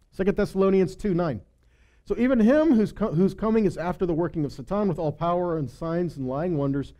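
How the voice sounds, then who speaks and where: A preacher with a slightly high voice delivers forceful scripture teaching to a congregation. He often poses rhetorical questions and sometimes drops into hushed asides.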